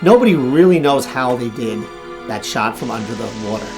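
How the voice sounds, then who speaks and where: A man's voice: mid-range voice, animated, brisk, music in the background. A man in a documentary interview, enthusiastic and stumbling over words.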